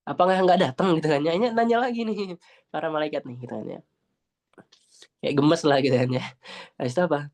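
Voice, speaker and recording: A man leads a relaxed religious study session, reading scripture in slow, measured recitation. Between verses he turns lively and chatty, acting out the voices he quotes with rising pitch. He often adds a tag to the end of his phrases and speaks directly to his listeners. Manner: animated, acts out quoted voices, frequent laughs and "gitu kan ya" tags; slows down to recite Arabic verses. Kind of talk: casual Islamic study talk with Quran recitation.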